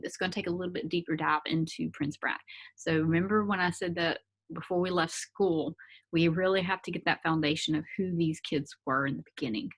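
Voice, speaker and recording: Woman, teacher, slightly low pitch, patient explaining, casual asides, recorded lesson. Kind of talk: recorded remote reading lesson.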